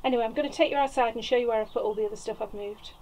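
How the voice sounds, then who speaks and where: A woman's voice: fairly high pitch, rapid-fire, warm tone, slight background noise, poor audio. A woman, chatting casually as she pots plants in a small greenhouse, recorded by a camera on a tripod. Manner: chatty, thinks aloud while working. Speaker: allotment vlogger. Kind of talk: casual gardening vlog. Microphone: camera on a tripod nearby.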